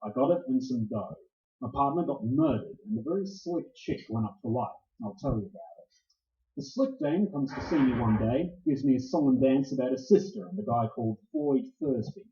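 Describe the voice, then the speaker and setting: A man acts a hard-boiled private eye who narrates and banters in a 1940s-style radio play. His delivery is dry and sardonic, and his pitch swings widely over a mellow tone. The recording sounds roomy and slightly dull. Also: very animated, brisk. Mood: wry narration. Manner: dry, sardonic, clipped tough-guy talk. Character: hard-boiled, wisecracking male private detective.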